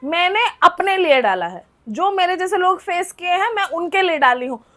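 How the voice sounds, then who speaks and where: A woman's voice: extremely high pitch, lively intonation, normal speed, a bit bright. A young woman vlogger telling viewers a personal story as a heated, blunt rant, swearing freely and talking straight to the camera.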